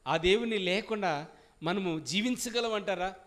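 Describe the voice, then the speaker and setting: Male pastor, Sunday sermon, slightly high voice, call-and-response preaching. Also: normal speed. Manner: animated preaching, asks the congregation questions and rises to loud peaks. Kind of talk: Palm Sunday sermon with testimony. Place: church service.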